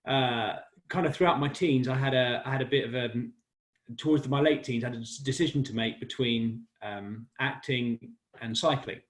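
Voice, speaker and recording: This guest, a West London man in his forties who works as a cycling commentator, talks casually about his sporting life in an interview. He's chatty, self-deprecating and laughs easily, speaking at normal speed in a mid-range voice.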